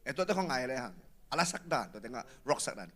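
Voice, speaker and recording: Lively bright-voiced man chatting. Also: medium pitch, racing. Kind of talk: casual chat.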